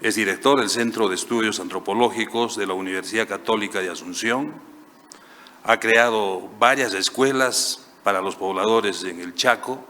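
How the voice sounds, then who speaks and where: Bright-voiced male panel moderator. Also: lowish voice, moderate pace. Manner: hesitant, with frequent fillers. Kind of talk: introducing a speaker. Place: large conference hall. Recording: reverberant conference hall.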